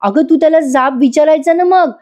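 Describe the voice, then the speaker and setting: A woman's voice: high-pitched, fairly quick, darkish tone, dull audio, pitched above the performer's own voice, close to an everyday voice. A woman voicing an elderly grandmother who fusses and questions her granddaughter. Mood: fussing. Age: over 60. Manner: fussing, questioning. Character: elderly grandmother, fussy and doting.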